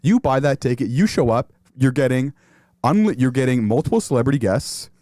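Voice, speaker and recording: A man's voice: medium pitch, animated, brisk, a little mellow, dry recording. A young man co-hosting a comedy podcast, chatting casually with a dry, mock-serious tone. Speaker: podcast co-host.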